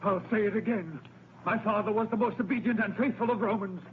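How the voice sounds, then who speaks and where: Actor as a high-pitched young Roman vowing revenge, tinny soundtrack. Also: male voice, fairly quick, close to an everyday voice. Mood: vengeful rage. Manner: shouting defiantly, vowing revenge. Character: hot-headed grieving young Roman soldier, vengeful son. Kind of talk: dubbed historical film acting. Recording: tinny, narrow-band old film soundtrack, noisy.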